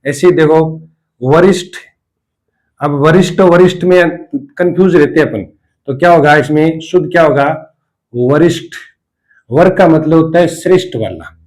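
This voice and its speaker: A man's voice: fairly high pitch, normal speed, darkish tone. A man with a Rajasthani Hindi accent, teaching a Hindi spelling lesson at a board, repeating each word and asking and answering his own questions.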